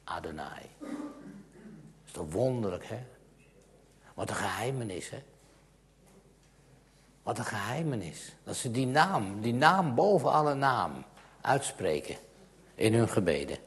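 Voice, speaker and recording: A man's voice: medium pitch, very animated, unhurried, long pauses. Emphatic Dutch-speaking preacher man. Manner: emphatic, rising louder when reading scripture. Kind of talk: sermon with Bible reading.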